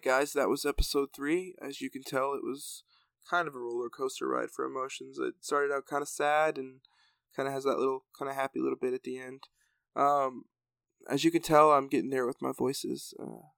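A man hosting a podcast, reading his serialized story aloud and then chatting in a relaxed way with fillers. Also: medium pitch, creaky, no room sound.

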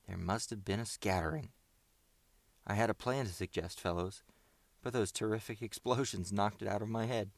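A man's voice: on the low side, moderate pace, no room sound, natural voice. A man reading the part of a sensible, level-headed boy who leads his group, talking things through persuasively. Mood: earnest.

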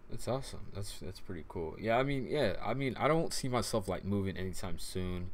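A man in his twenties from California, hosting a podcast in casual chat, talking in halting bursts with many fillers and restarts. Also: lowish voice, expressive. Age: 20s. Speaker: podcast host.

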